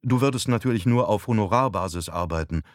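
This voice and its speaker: Man doing a young wife, soft, coaxing, higher than his own low voice, audiobook dialogue. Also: fast, no echo, studio quality, lightly acted. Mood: persuasive. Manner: gentle, coaxing, lifts pitch for the wife. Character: young married woman, calm and persuasive.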